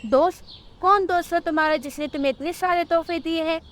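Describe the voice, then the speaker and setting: A woman voicing a poor, gentle mother bird in a cartoon, speaking in a soothing, motherly way. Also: extremely high pitch, a little fast, a little hiss or hum, pitched above the performer's own voice. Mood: scolding.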